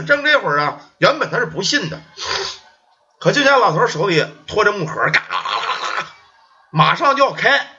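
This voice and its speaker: Animated storyteller man. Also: sits high, a little fast, muffled recording. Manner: animated, colloquial, rhythmic storytelling. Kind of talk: oral folk ghost-story narration.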